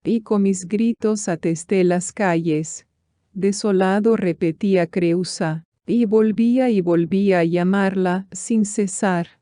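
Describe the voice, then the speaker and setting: A woman reading epic poetry aloud in a slow, measured recitation. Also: medium pitch, dark tone, no echo, clean studio sound. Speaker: reader.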